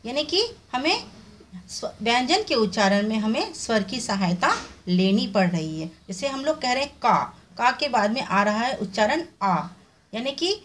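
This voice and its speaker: A woman's voice: fairly high pitch, animated, moderate pace, fairly bright tone. A woman teacher giving a recorded revision lesson, explaining step by step and answering her own questions. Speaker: Hindi teacher.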